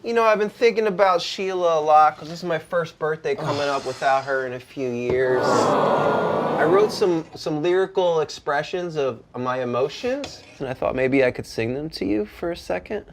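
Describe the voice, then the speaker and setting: A man's voice: on the high side, normal speed, very noisy, lightly acted. A man playing a sensitive macho buddy in a goofy, clueless sitcom voice, in an exaggerated 90s parody style. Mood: awkwardly sincere.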